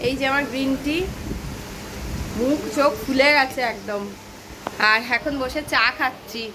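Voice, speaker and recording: Woman, Kolkata Bengali accent, thirties, high voice, slightly hoarse, casual home vlog, noisy phone audio. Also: a little slow. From West Bengal, India. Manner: chatty, sing-song with her child. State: hoarse from shouting. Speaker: vlogger and mother. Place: home, indoors.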